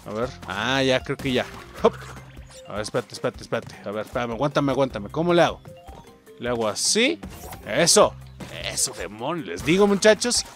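A young Mexican man giving chatty, excitable commentary while playing a game and calling out to his viewers. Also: medium pitch, moderate pace, faint music behind. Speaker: gaming YouTuber. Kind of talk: let's play commentary.

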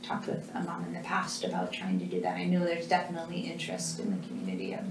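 A woman's voice: lowish voice, big pitch swings, fast talker, creaky, over music. Principal woman, far-off echoey classroom. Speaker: school principal. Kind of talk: meeting discussion. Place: school classroom, mid-size, indoors. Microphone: far room camera. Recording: echoey classroom heard from afar.

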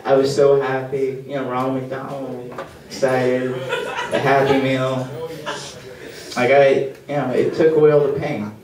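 Stand-up comic, man, mid-pitched, awkward self-mocking delivery; roomy far-off club recording. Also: level tone, unhurried, crowd noise. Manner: rambling, awkward, self-deprecating. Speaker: stand-up comedian. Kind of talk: stand-up set. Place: comedy club stage. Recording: echoey club room, mic far off, loud hiss.

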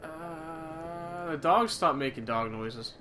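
A man's voice: fairly high pitch, slow pace, pushed and bright, a little hiss or hum. A young man hosting a horror game playthrough, casually commenting, reading notes aloud and getting snarky and exasperated. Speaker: host playing a horror game.

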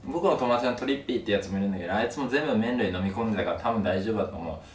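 Fast-talking young man after wisdom tooth removal. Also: fairly low pitch. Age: young adult. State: mouth sore two days after wisdom tooth removal. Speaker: video creator. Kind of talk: casual chat to camera. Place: small room at home, indoors. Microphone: camera a few steps away. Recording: roomy, distant mic, some noise.

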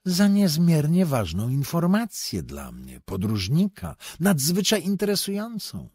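A man voicing a mysterious, low-voiced foreign gentleman who speaks with slow, insinuating courtesy in an audiobook. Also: huge pitch swings, breathy edge, no room sound, studio quality, full character voice. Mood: courteous, wondering.

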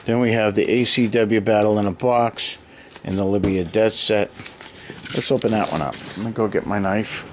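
Older male collector for a casual home vlog: deep, rambling, lists things one after another; noisy handheld camera sound in a basement. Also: fairly even intonation, normal speed. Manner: rambling, chatty, listing items one by one. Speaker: collector showing his hoard. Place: cluttered basement storage room. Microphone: handheld camera mic.

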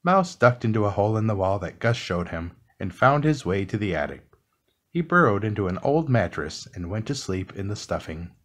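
A man reading a children's book aloud as calm bedtime narration, soft and unhurried. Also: on the low side. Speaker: storybook reader.

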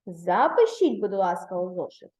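In an online lesson for third graders recorded with a roomy echo, a woman speaks with a medium-pitched, very animated, slightly mellow voice at normal speed. She's patient and encouraging with the young pupils, praising their answers and prompting the next step.

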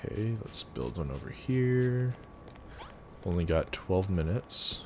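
A man casually commenting on his gameplay, relaxed and thinking aloud with fillers. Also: low voice, takes it slowly, a little hiss or hum. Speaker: gameplay video host.

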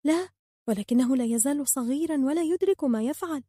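A woman's voice: sits high, lively intonation, fast, warm tone, no echo, studio quality, voice pushed up. A woman voicing a kind-hearted, outspoken young girl who is firm yet tender. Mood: reproachful.

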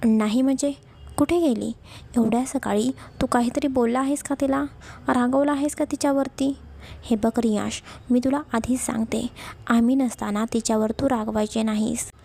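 A woman's voice: fairly high pitch, steady tone, normal speed, gravelly, mellow. A woman voicing a worried middle-aged mother who pleads and scolds in a storybook reading. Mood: scolding.

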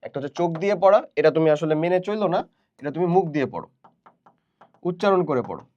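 A man's voice: on the high side, animated, fast, a little mellow, highs cut off. A young man teaching study tips in a casual, chatty lesson, talking straight to students, asking them questions and mixing in English phrases. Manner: explains and asks the listener questions.

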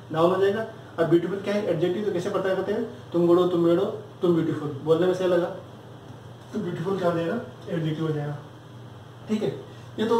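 A man's voice: high voice, darkish tone, slight background noise. A man teaching a grammar lesson for exam preparation, drilling students with repeated questions and answers. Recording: very echoey room, far from mic.

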